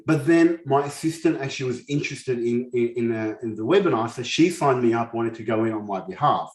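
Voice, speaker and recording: A man in his forties with a lisp gives an earnest, personal motivational talk at a summit. English isn't his first language; he grew up in a war-torn country and was raised in Australia. His mid-range voice is animated and brisk, often restarting sentences, and the echoey room and poor audio muddy the recording.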